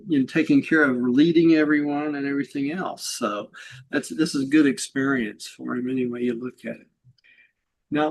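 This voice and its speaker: A man leading a study-group class, talking casually and rambling as he explains a reading, with fillers and self-corrections and his distance from the mic shifting. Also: fairly high pitch. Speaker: host and teacher. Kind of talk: conversational study-group teaching.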